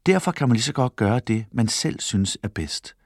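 A man voicing Joha, a calm and wise old man in a children's story, speaking patiently. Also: mid-range voice, no echo, clean studio sound.

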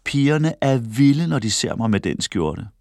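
A man's voice: medium pitch, lively intonation, vocal fry, a little mellow, no room sound, clean studio sound. A man voicing a cocky, boastful young man in a children's storybook reading, raised and eager.

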